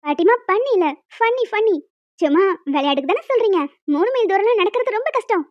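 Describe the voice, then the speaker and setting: Woman doing cheeky cartoon schoolgirls, chatty and teasing, super high fast voices, dry dull audio. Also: animated, dry recording. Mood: pleading. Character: cheeky schoolgirls in a hostel group.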